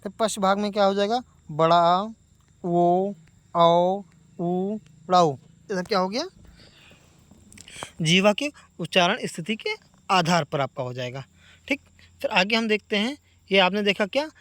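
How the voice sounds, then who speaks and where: A man teaching a grammar lesson for exam preparation, asking questions and answering them himself, stretching sounds out slowly. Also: sits high, lively intonation, a bit bright. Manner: stretches sounds out slowly when demonstrating vowels.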